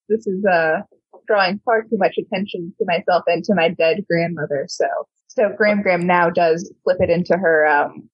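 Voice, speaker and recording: A woman's voice: medium pitch, husky, no echo, highs cut off. A woman in her twenties playing a tabletop role-playing game, talking in a wry, rambling way. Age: 20s. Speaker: player. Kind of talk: casual chat in a tabletop game.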